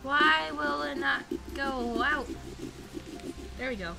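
A woman's voice: sits high, fairly even intonation, takes it slowly, creaky, over music. A woman making dry, teasing remarks while carving pumpkins with friends.

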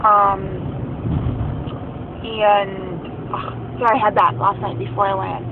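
A woman's voice: medium pitch, level tone, slow. Young woman, casual driving vlog, chatty, rambling, tinny phone audio, road noise. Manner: chatty, rambling, many ums and likes. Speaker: vlogger. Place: inside a car. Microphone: phone held at arm's length. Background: car and traffic noise.

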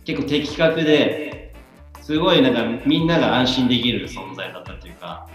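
A man's voice: medium pitch, normal speed, dull audio, music in the background. Man on a very echoey remote line. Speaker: remote guest. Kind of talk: casual chat.

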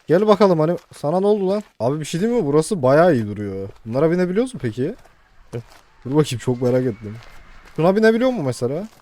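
A young man commentating casually on a video game he plays, excitable and joking with his viewers. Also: a little high, quick pace. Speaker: gaming youtuber. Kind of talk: casual let's-play commentary.

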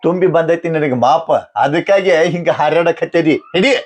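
A man with a North Karnataka Kannada accent playing a stern elder brother and husband who rebukes his wife and gives gruff orders. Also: a little high, steady tone, moderate pace, lightly acted. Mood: commanding.

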